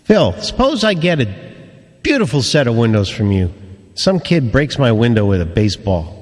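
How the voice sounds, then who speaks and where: A man's voice: medium pitch, very animated, normal speed, long reverb tail. A man chatting as a morning radio DJ and host, in a conversational, joking manner.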